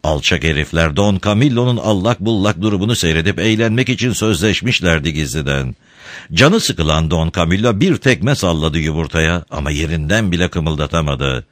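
A man with a very deep voice reads a story aloud, his pitch rising and falling with a lively, dramatic lilt. The recording is close and dry, with no echo. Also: normal speed. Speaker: narrator. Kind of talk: storybook reading.

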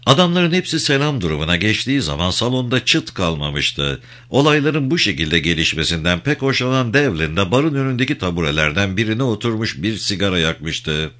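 A man narrating an audiobook with an expressive reading. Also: fairly low pitch, a little fast.

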